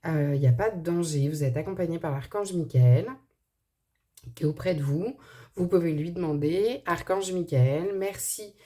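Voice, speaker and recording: A woman's voice: low voice, normal speed, warm tone. A woman with a slight lisp on her s sounds, giving an informal card reading and thinking aloud in a hesitant way. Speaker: tarot and angel card reader.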